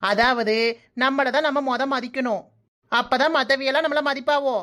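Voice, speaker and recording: A woman's voice: high-pitched, normal speed, a bit bright. A woman voicing a cheeky, lazy young daughter-in-law in a comic cartoon, sarcastic and prone to talking to herself, with a Kanyakumari Tamil accent. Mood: grumbling.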